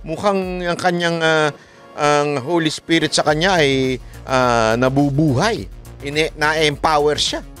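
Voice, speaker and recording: A man's voice: fairly high pitch, steady tone, slow, a bit bright. A man giving sarcastic, mocking political commentary in a casual vlog, often laughing and asking his viewers questions, with music playing underneath.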